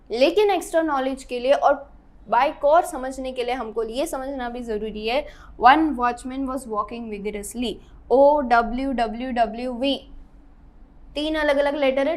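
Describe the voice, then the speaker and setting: High-voiced woman teaching grammar. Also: darkish tone. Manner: explains step by step, checks in with "theek hai". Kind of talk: grammar lesson in Hindi mixed with English.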